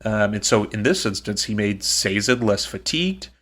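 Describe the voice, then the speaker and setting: Give me a man with a fairly low voice, casually recapping a book on a podcast, chatty and joking. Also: lively intonation, moderate pace, fairly bright tone. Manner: chatty and joking, many ums. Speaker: podcast co-host.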